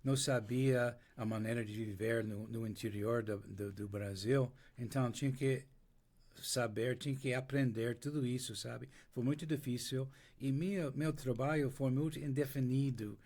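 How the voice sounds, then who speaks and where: With fairly even intonation and a darkish, mid-range voice, an older American man speaks Portuguese with an American accent as an interview guest. English is his first language, and he narrates his story slowly, restarting and pausing often to find words.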